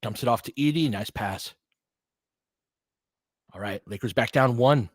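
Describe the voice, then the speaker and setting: Reacting emotionally to each play, this host delivers partisan, informal basketball play-by-play in short, clipped bursts. He speaks a little slowly at a medium pitch, recorded with clean, echo-free studio quality.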